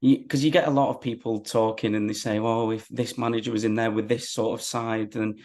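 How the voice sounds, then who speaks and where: A man's voice: on the low side, steady tone, a little fast, darkish tone. A man, chatting casually as a football fan being interviewed.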